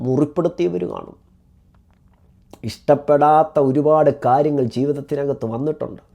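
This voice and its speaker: A man's voice: medium pitch, mellow. A man preaching a devotional sermon with a Malayali accent, in a repetitive cadence that rises to emphatic exhortation.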